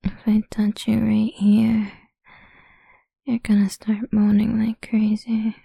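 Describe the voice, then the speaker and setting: For a menacing whispered audio roleplay, a woman fully inhabits a domineering, cruel character, taunting in a crude whisper. Her medium-pitched voice is dark and thick with gravelly fry, slow and monotone. It is dry and close, with no echo and no sense of space around it.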